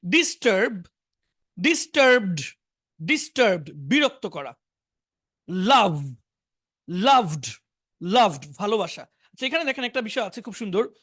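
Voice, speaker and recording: A woman teaching a spoken English class, saying each word slowly and repeating it for learners. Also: mid-range voice, big pitch swings, fairly bright tone, breathy edge. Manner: drills words slowly, repeating each one.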